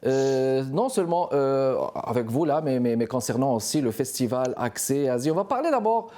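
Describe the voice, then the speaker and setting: A man's voice: medium pitch, animated, moderate pace, warm tone. A man hosting a TV arts interview, giving formal introductions with occasional fillers. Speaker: TV show host.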